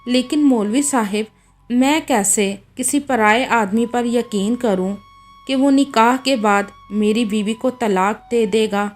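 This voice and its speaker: A woman's voice: fairly high pitch, slow. A woman voicing a young husband, defensive and pleading, in a read-aloud story. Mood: anxious. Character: young husband, quick-tempered then regretful.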